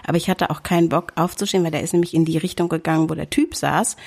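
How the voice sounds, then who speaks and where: Woman, husky voice, casual chat, animated storytelling. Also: low-pitched, quick pace. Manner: animated storyteller, acts out shouted quotes. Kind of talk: casual chat, telling an anecdote.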